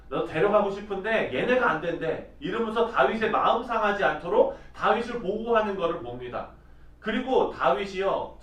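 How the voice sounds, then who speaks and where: A male pastor giving an early-morning sermon, reading scripture slowly and asking his listeners questions in a conversational way. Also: high voice. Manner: reads scripture slowly and deliberately. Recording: echoey room, voice distant from mic.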